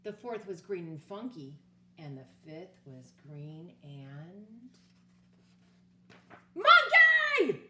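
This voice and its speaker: Playful, lively woman reading a storybook. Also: deep voice, slow. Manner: playful, expressive, sing-song. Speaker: teacher reading aloud. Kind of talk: storybook read-aloud. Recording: echoey room with faint hum.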